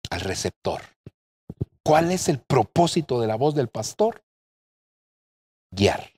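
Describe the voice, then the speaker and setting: A man's voice: on the low side, dark tone, slightly rough. A middle-aged man preaching a sermon from home as a pastor, earnest and addressing his listeners directly.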